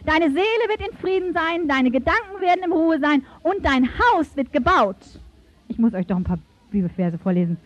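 Through stories and Bible verses, a woman preaches with animated force and dramatic rises and falls in pitch. She keeps a moderate pace, and the dull, lo-fi recording has no room sound.

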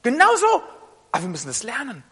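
A male preacher gives a conversational sermon, often checking in with listeners through short questions. His voice sits high and bright and swings widely in pitch, moving from soft asides to loud, emphatic bursts. A long hall reverb trails behind every phrase. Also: big pitch swings, moderate pace.

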